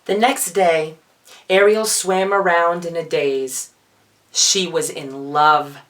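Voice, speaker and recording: Fairly even intonation and a slow pace mark this mid-range, fairly bright voice. It belongs to a feminine-sounding storyteller, a drag performer, who theatrically reads a children's storybook with playful asides in a dramatic style.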